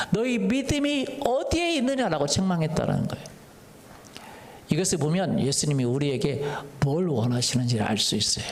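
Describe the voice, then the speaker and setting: A male pastor with a fairly high voice preaches a Sunday sermon, regularly firing questions at the congregation and slipping into a chatty personal story. His voice rings through a roomy church sanctuary, trailed by a long echo. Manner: tells a personal story conversationally. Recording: echoey church hall reverb.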